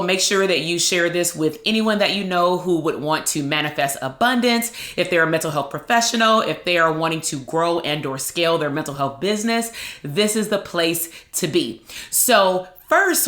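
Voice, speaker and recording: A woman in her thirties, a psychologist and branding coach, hosts a casual motivational talk in a loud, lowish voice. She's lively and chatty, tossing in quick asides, and the sound is roomy.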